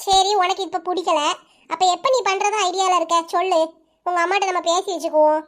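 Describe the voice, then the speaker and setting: A woman's voice: very high voice, fairly even intonation. Woman voicing a bossy village neighbor. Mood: scolding. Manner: fast, sharp scolding. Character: brisk young village neighbor woman, bossy but caring. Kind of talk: cartoon voice-over.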